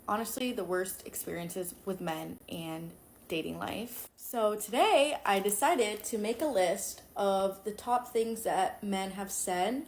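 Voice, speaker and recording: A woman's voice: mid-range voice, takes it slowly, echoey room. A woman in her twenties casually telling a list of bad dating stories. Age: 20s. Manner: candid list-style storytelling. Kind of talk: casual vlog storytelling.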